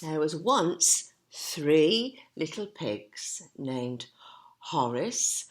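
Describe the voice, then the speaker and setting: A woman with a low, sing-song voice reads a picture book to children extremely slowly. She talks to them directly in an encouraging, teacherly manner, making it an animated read-aloud full of asides.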